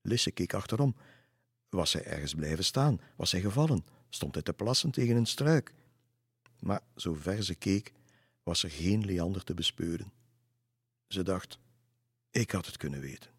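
A man calmly reading a children's storybook aloud. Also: deep voice, measured pace, long pauses, husky, dry recording, clean studio sound. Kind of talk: storybook narration.

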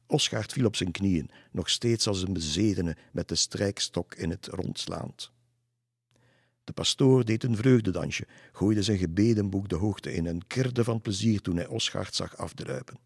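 A man reading a folk tale aloud in a measured way. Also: low-pitched, slightly rough, no room sound, clean studio sound. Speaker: narrator. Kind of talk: storybook narration.

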